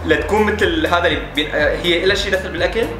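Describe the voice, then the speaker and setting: A man's voice: high-pitched, racing. A man with a Syrian Arabic accent chatting casually and guessing aloud in a challenge. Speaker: contestant in a dialect challenge. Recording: echoey room, music behind.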